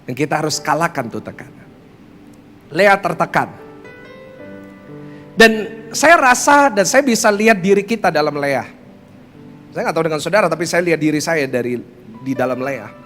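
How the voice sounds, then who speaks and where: Brief: animated male pastor preaching, acts out voices, in a reverberant hall. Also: fairly high pitch, moderate pace, long pauses. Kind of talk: sermon. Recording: music bed, long hall reverb.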